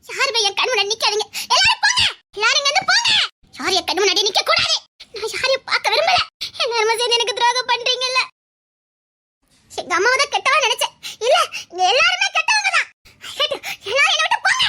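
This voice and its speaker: An actress playing a desperate young woman in a TV serial, sobbing, pleading and shouting to see her lost father. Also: very high voice, animated, fast talker, very noisy. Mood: anguished. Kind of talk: tearful TV serial acting.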